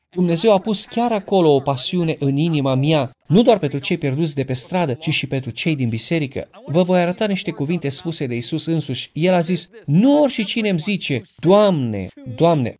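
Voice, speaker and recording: Man, preacher, sermon, slightly high pitch, emphatic, questions the congregation. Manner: emphatic, rises to loud passionate peaks when quoting; addresses the congregation directly with questions.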